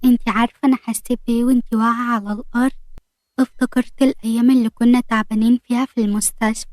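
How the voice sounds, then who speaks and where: A woman's voice: a little high, steady tone, rapid-fire, a little mellow, dry recording, close to an everyday voice. Woman voicing an anxious devoted young fiancé. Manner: pleading, emotional.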